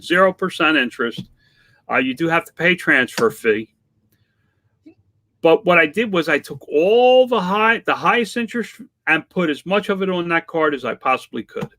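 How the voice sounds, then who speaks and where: A man's voice: a little high, sharp tone. A man in his fifties, a vlog host chatting casually and plainly as he answers viewer questions, self-deprecating and conversational. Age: 50s. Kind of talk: casual chat.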